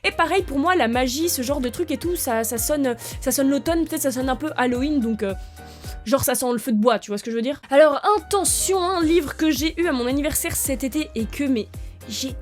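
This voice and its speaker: A young woman chats to camera about books, excitable and full of fillers and restarts. Her voice sits a little high. Soft music plays quietly behind her. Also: a little fast. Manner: chatty and excitable, with many fillers. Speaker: book vlogger. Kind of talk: casual chat to camera.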